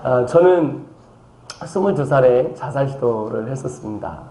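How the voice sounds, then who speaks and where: A man's voice: mid-range voice, lively intonation, unhurried, dark tone. A man from South Chungcheong, Korea, preaching as a missionary at a revival meeting, playfully teasing the congregation. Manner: playful, teasing, mimics regional dialects and broken English. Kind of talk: lively revival sermon with audience guessing game. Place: church sanctuary. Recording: echoey church hall, faint noise.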